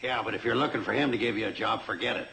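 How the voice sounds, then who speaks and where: Folksy grumbler, gravelly, exasperated, sixties sitcom, roomy noisy soundtrack. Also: male voice, fairly low pitch, rapid-fire. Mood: scornful, grumbling. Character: grumbling, folksy, scornful small-town man. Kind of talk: 1960s television sitcom acting.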